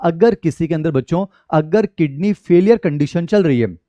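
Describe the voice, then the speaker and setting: Indian male teacher with a warm voice. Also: on the high side, lively intonation, normal speed, no room sound. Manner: repeatedly addresses students as children, mixing Hindi and English terms. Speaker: biology teacher. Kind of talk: exam-prep lecture.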